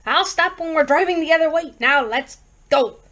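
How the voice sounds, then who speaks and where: A frightened young wife, tense and pleading, her voice thin and strained and sitting high, as a woman reading a story puts her on. She sounds cornered and anxious in a storybook reading. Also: normal speed, sharp tone. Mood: insistent.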